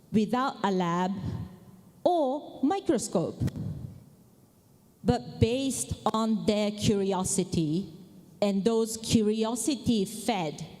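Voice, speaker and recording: A woman from Japan giving a conference opening talk, slow and deliberate, often asking the audience questions. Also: on the high side, mellow. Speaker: keynote speaker. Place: large conference hall. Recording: long hall reverb.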